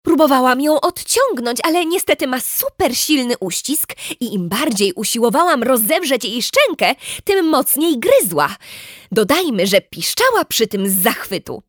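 A woman reading a funny first-person teen diary aloud as an audiobook narrator, in an expressive, storytelling way. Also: high-pitched, normal speed, no room sound, studio quality.

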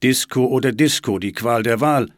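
A man voicing a calm, steady middle-aged father who speaks reassuringly in a storybook reading. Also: medium pitch, normal speed, dry recording, clean studio sound, natural voice. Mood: wry.

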